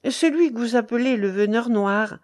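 A woman's voice: fairly high pitch, moderate pace, darkish tone, voice pushed up, close to an everyday voice. Woman voicing a trembling young woman in a storybook. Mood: anguished. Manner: trembling, urgent pleading. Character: frightened young woman, pleading and guilt-ridden.

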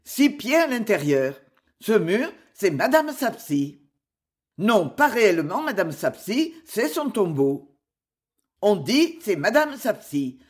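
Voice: mid-range voice, big pitch swings, slow, breathy edge, heavily acted. Durdles, a reader doing a blunt old stonemason. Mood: matter-of-fact. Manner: plain, stubborn, repeats himself. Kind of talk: audiobook character voice.

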